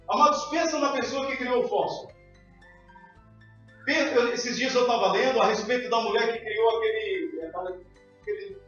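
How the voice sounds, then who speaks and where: A man's voice: very high voice, fairly bright tone. A man preaching a sermon as pastor, emphatic and repeatedly calling out to his congregation. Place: church hall. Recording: echoey hall, distant, dull sound, faint music.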